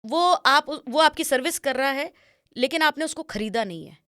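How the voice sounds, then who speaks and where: Woman, interview guest, image consultant; higher-pitched, instructive delivery, close dry mic. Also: lively intonation, normal speed, fairly bright tone, no room sound. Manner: instructive, mixes English phrases into Hindi. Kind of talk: explanatory interview answers.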